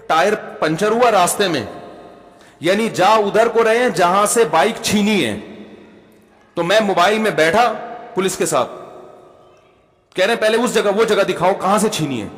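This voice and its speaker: A man's voice: sits high, pauses often. A man with a Pakistani Urdu accent preaching a sermon, telling a funny personal story and often calling the audience brother. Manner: humorous anecdotal, addresses audience as brother. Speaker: Islamic preacher. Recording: long hall reverb.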